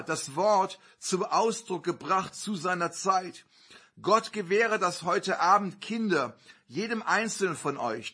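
A man preaching a sermon, telling a personal story earnestly with sudden loud surges. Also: high-pitched, breathy edge.

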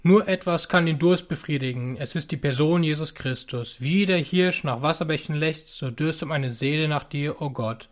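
A man's voice: on the high side, moderate pace, few pauses. A male preacher delivering an earnest sermon with warnings to his listeners.

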